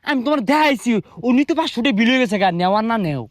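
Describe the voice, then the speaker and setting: Sly hoarder type, boastful and hushed; a male actor, lilt, fairly high register. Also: animated, very fast. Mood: haggling. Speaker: fuel hoarder in a comedy skit. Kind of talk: comic sketch acting.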